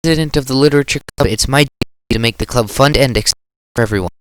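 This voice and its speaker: A man's voice: mid-range voice, racing, fairly bright tone, slight background noise, close to an everyday voice. A man voicing a poised, self-assured teenage club president in a visual novel reading. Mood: composed.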